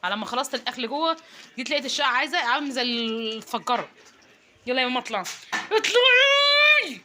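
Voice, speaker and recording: A woman in her thirties with an Egyptian accent, chatting to viewers in a casual home vlog as she cooks and tidies her apartment. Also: fairly high pitch. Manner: rapid, chatty, addresses viewers directly. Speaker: home vlogger, mother. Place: small apartment indoors. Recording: noisy home phone recording.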